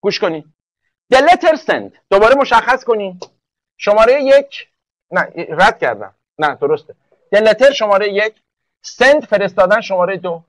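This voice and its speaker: High-voiced man teaching grammar in a dry room. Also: animated, dry recording, poor audio. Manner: drills students with quick questions, often answers them himself; slows right down to spell out English sentences. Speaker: English teacher. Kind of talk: online class lecture.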